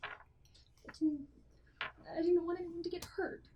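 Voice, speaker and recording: A woman's voice: very high voice, lively intonation, moderate pace, sharp tone, far from the mic, muffled recording, slight background noise, pitched above the performer's own voice, heavily acted. A woman voicing a frightened, apologetic female culprit in a tabletop game, stammering and pleading defensively. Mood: anxious, pleading.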